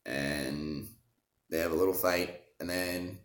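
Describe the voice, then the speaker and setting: A young movie reviewer with a low voice recaps a film's plot at a slow pace, rambling with fillers and throat-clearing, then breaking into sudden excited bursts. The sound is roomy.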